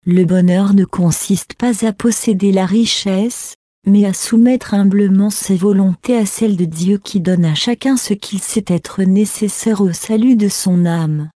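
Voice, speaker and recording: A woman reading the part of a humble, weary male saint, in a calm and gentle way. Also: medium pitch, a little slow, no room sound, studio quality, close to an everyday voice.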